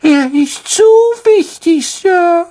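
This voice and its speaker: A woman voicing a tiny, devoted male house-elf, squeaky, hoarse, slow and tearful. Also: a little mellow. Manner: squeaky, slow and pleading, on the verge of tears.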